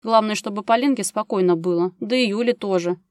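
A woman doing gruff, curt neighbor Gera. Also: mid-range voice, brisk, darkish tone, dry recording, clean studio sound, lightly acted. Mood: blunt. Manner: curt, businesslike, bossy. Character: gruff blunt grown man, a practical ex-paramedic neighbor.

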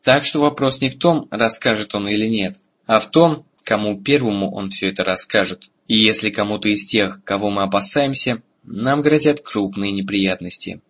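A blunt young warrior played by a man speaks wryly, his voice low. The tone is husky. The audiobook recording is dull and lo-fi. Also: moderate pace, hardly any pauses, a bit bright.

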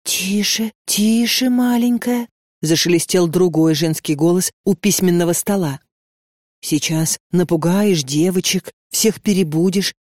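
A reader voicing a stout middle-aged aunt who coaxes in a hushed whisper full of endearments. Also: female voice, lowish voice, steady tone, measured pace, no echo, clean studio sound. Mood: coaxing.

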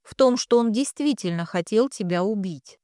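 A woman voicing a quiet, grieving young woman in an audiobook, speaking softly. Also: medium pitch, lively intonation, normal speed, dry recording, studio quality, natural voice. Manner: quiet, subdued.

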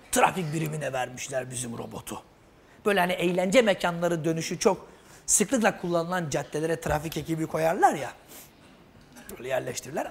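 Animated stand-up comedian on stage. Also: male voice, on the high side, gravelly. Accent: Turkish (Istanbul). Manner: animated storytelling, acting out characters. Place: stage before a live audience. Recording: live show with crowd and noise. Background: audience laughter.

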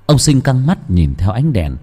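Dark-voiced man narrating a ghost story. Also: mid-range voice, unhurried, slightly rough. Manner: dramatic, lively delivery.

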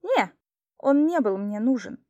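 A woman performs a mischievous young female spirit living in someone's head. She talks in a bouncy, playful, cocky way with a raised, mellow voice. The sound is dry and close. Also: fairly high pitch, expressive, a little slow, no room sound, highs cut off. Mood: gleeful. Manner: playful, self-assured, bouncy.

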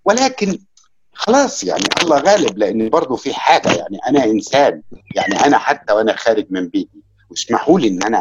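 A man's voice: fairly low pitch, muffled recording, background noise. A man with an Egyptian accent, a conference interpreter giving a reflective talk with many fillers. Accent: Egyptian Arabic. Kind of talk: lecture and casual Q&A.

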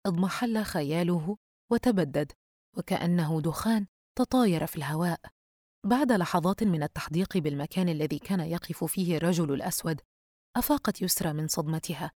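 A woman's voice: lowish voice, darkish tone, dry recording. Woman narrating an audiobook, dry. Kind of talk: scripted horror narration.

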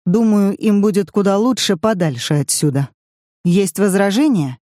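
A man's voice: high voice, moderate pace, dark tone, no echo, pitched above the performer's own voice, natural voice. A reader voicing a stern, commanding grandfather in his later years, read close and dry. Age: older. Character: stern grandfather, short grey man, commanding.

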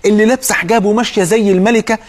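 A man's voice: high voice, steady tone, very fast. A man preaching a sermon with an Egyptian accent. He asks his listener questions directly.

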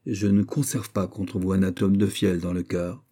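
A man voicing a calm, dignified young gentleman in a storybook reading. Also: low-pitched, normal speed. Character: composed young male gentleman.

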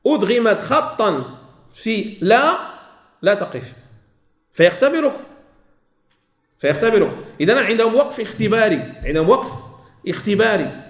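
Male Moroccan Quran teacher, high-pitched, lesson recorded in a reverberant room. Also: a bit bright. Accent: Moroccan Arabic. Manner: repeats key phrases, asks students questions. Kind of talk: religious lesson explanation. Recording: echoey room.

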